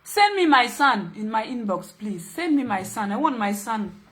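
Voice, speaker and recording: Ugandan woman livestream host, unhurried and teasing, bright voice, fairly high. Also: sing-song. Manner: playful, teasing, laughs often. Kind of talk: casual livestream chat.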